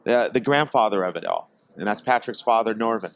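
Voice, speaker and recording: Hesitant low-voiced man guest. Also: clear, resonant tone, no echo. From Portland, Oregon. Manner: hesitant, many pauses and fillers. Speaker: guest, tobacco company executive. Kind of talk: casual podcast interview. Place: trade expo.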